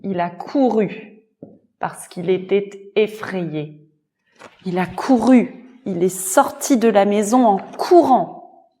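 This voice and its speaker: A woman telling a folk tale slowly and expressively for French learners, repeating key words. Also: mid-range voice. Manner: very slow, repetitive, expressive. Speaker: storyteller and language teacher. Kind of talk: slow storytelling for French learners.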